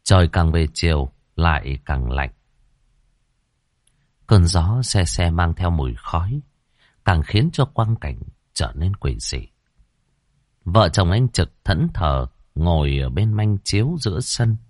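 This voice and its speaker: A man narrating a ghost story in a dramatic, expressive, deliberate way. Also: sits low, no echo, studio quality.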